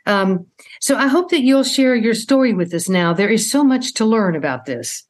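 A woman's voice: fairly high pitch, expressive, normal speed. A woman co-hosting a podcast, presenting mostly from prepared material. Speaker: podcast co-host.

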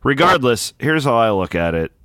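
A man's voice: mid-range voice, big pitch swings, moderate pace, a bit bright, dry recording, clean studio sound. A man hosting a casual sports betting chat, talking bluntly with a teasing edge, his mic overmodulated and clipping. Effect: overmodulated, clipping distorted mic. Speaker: sports betting podcast host.

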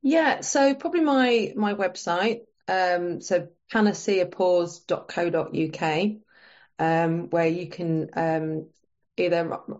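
A woman's voice: lowish voice, a little mellow, highs cut off. A woman guest talking casually in a podcast interview, chatty and full of fillers and restarts. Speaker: menopause coach, guest.

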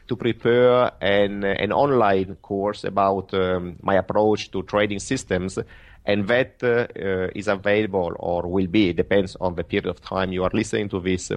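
A man from Italy with an Italian accent, a guest trader answering interview questions haltingly, with many fillers and restarts. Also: on the low side.

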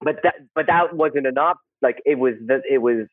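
A man from Saudi Arabia, telling personal stories casually in an interview in a rambling, halting way that repeats words and phrases. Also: mid-range voice, dry recording, phone-quality sound. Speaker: podcast guest, social worker.

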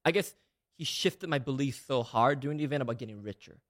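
Fast-talking man in his twenties from Malaysia. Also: medium pitch. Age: 20s. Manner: fast, eager talker with many fillers and restarts. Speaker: podcast guest. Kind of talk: casual interview conversation.

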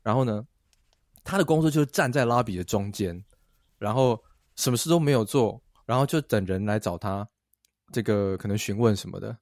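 Fast-talking Taiwanese podcast host. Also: male voice, on the low side, no echo, clean studio sound. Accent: Taiwanese Mandarin. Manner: lively storyteller, laughs often. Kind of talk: casual chat.

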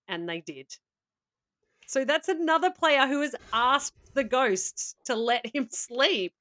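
A woman with a high-sitting, expressive voice speaks slowly, her tone pushed and bright. She co-hosts a casual podcast, reading stories aloud with playful asides and laughter.

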